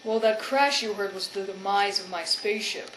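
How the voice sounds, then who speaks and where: A woman's voice: mid-range voice, moderate pace, a bit bright, a little hiss or hum, close to an everyday voice, poor audio. A woman playing a bold, blustering male spaceship captain in campy radio-serial style, with grandiose exclamations.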